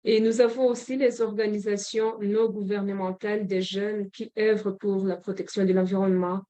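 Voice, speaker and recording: A woman from Rwanda, a government representative, giving a formal closing speech at a forum in a measured way, with frequent pauses and hesitations. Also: mid-range voice, flat delivery, dark tone.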